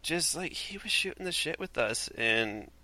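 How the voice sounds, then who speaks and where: A man's voice: on the high side, animated, moderate pace, pushed and bright. A man from Minnesota with a Minnesotan accent, chatting casually on a podcast, rambling and laughing often.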